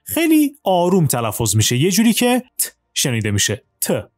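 A male English teacher giving a lesson, explaining quickly in Persian and reading English examples slowly and carefully. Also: high-pitched, wildly swooping pitch, no room sound, studio quality, faint music behind. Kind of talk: language lesson, switching between Persian and slow English.

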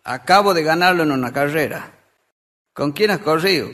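A man telling quick jokes between songs on stage, acting out the characters and laughing at his own punchlines. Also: a little high, lively intonation, a bit bright. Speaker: folk comedian and singer. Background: music.

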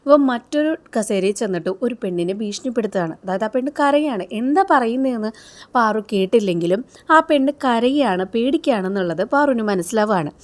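A woman's voice: on the high side, animated, a little fast. A woman recounting the plot of a television serial in a chatty storytelling manner. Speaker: serial review narrator. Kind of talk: plot recap narration.

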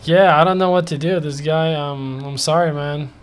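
Excitable man doing gameplay commentary. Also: fairly high pitch, moderate pace. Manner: excitable, talks to game characters. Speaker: gaming YouTuber.

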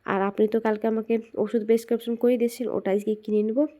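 A woman's voice: fairly high pitch, flat delivery, fast, warm tone. A woman casually retelling a TV serial episode, narrating and quoting each character's lines in turn. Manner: quotes each character in turn, switching between narration and dialogue.

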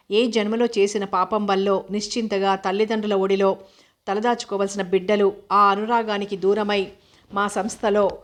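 Stern orphanage worker scolding a mother in a story, a woman reader doing her; mid pitch, level delivery. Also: close to an everyday voice.

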